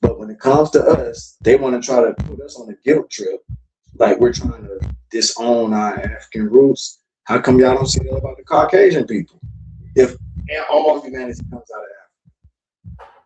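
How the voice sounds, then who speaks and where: This podcast host, a man from South Florida, chats casually, lecturing in a loose way and swearing freely. His medium-pitched voice is animated and mellow, at a moderate pace. The mic is distant, with faint noise.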